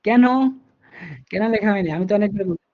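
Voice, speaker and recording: Teaching a live online language class, a man with a slightly higher voice moves briskly, explaining each rule step by step. He circles back often and uses fillers, and the lo-fi recording sounds a little dull.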